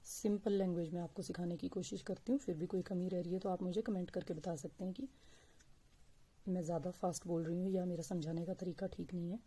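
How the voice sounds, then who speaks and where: A woman teaching crochet step by step, speaking slowly and patiently and counting stitches aloud. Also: fairly low pitch, steady tone, dark tone, husky. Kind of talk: step-by-step crafting tutorial.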